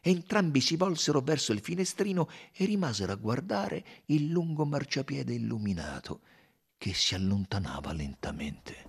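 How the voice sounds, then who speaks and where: A man's voice: lowish voice, vocal fry. A man narrating an audiobook in a theatrical, varied reading style. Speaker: audiobook reader.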